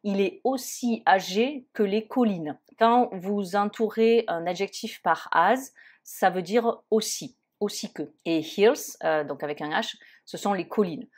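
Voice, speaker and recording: A woman's voice: mid-range voice, a little slow. A woman, patiently explaining English expressions in a lesson, with frequent hesitations. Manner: patient, explanatory, many fillers like euh and hein. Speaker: English teacher.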